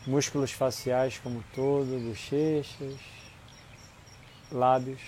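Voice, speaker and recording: A Brazilian man guides a relaxation in a dark, mellow voice of medium pitch. His delivery is soothing and unhurried, with short phrases set apart by long pauses. A light bed of insect and nature noise runs behind him. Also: flat delivery. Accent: Brazilian Portuguese. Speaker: guided meditation instructor. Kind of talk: guided body-scan relaxation.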